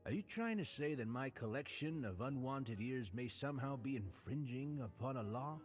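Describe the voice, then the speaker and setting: A man's voice: mid-range voice, animated, moderate pace, faint music behind, close to an everyday voice. A man voicing a suave, courteous hotel bartender in a video game who oddly collects ears, speaking in a polite, genteel manner. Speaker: game character.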